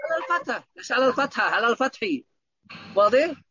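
A man's voice: very high voice, expressive, quick pace, pushed and bright, husky, no room sound, lo-fi sound. A man teaching Arabic grammar online, patiently repeating points and quizzing his students.

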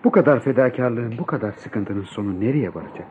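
Actor as an animated, skeptical young son. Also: male voice, mid-range voice, a little fast, highs cut off, a little hiss or hum, natural voice. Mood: skeptical, insistent. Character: skeptical, impatient son questioning his father. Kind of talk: radio drama acting.

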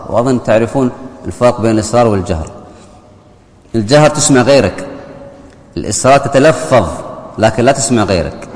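A man's voice: medium pitch, darkish tone. A man giving a religious jurisprudence lesson, often posing rhetorical questions to his listeners. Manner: asks the audience rhetorical questions. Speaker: Islamic jurisprudence teacher. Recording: long hall reverb.

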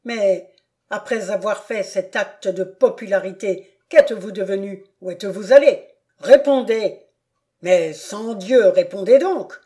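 A woman's voice: medium pitch, a little slow, dark tone, natural voice. A woman voicing a proud, furious aristocratic father who thunders accusations at his son in an audiobook.

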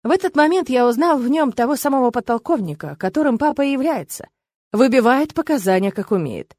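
A woman's voice: sits high, expressive, a little fast, darkish tone, no echo. Woman narrating an audiobook, dry and close. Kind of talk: first-person audiobook narration.

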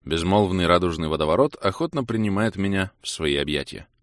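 A man narrating a first-person audiobook in a steady, matter-of-fact way. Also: low-pitched, brisk, no room sound, clean studio sound.

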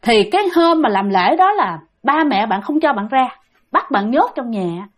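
A woman's voice: fairly high pitch, very animated, moderate pace. A woman with a Southern Vietnamese accent telling a ghost story in a chatty way, often speaking straight to her listeners. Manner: chatty, keeps addressing listeners directly.

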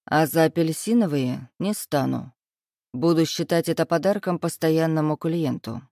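A woman voicing a brash, mocking young man who teases calmly and without hurry. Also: deep voice, no echo, clean studio sound. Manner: teasing, smug, unhurried.

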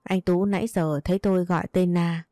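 Woman reading a first person story, heartfelt, lowish mellow voice, dry close sound. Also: fairly even intonation, fairly quick, dry recording.

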